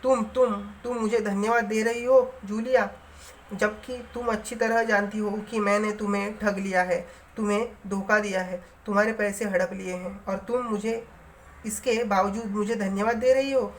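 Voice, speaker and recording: A stern middle-aged master of the house who scolds and then lectures in an average-pitched voice, as a woman reader puts him on. He moralizes at length, hard and insistent, in a read-aloud story. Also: fairly even intonation, moderate pace, a little hiss or hum, close to an everyday voice. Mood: angry.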